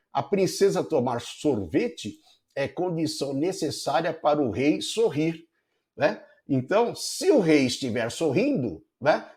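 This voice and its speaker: A man's voice: fairly high pitch, a little mellow. A middle-aged man teaching a recorded online lecture, explaining step by step and checking in with frequent tag questions. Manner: explanatory, many checking "né?" tags.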